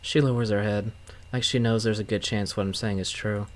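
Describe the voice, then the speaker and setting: A game streamer from Missouri with an American accent reads visual novel narration aloud in a brisk, steady, lowish voice. Guitar music plays in the background.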